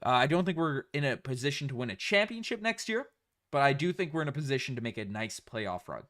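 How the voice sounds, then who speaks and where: A man's voice: mid-range voice, sing-song, quick pace, a bit bright. Man with a light Newfoundland accent, livestreaming. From Newfoundland, Canada. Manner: repeats phrases for emphasis. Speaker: sports livestream host. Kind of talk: casual livestream sports chat.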